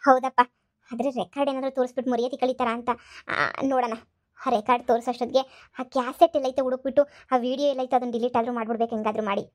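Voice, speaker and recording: A woman's voice: high voice, steady tone, very fast, close to an everyday voice. A woman voicing a scheming young fake daughter who pleads tearfully. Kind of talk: cartoon voice acting.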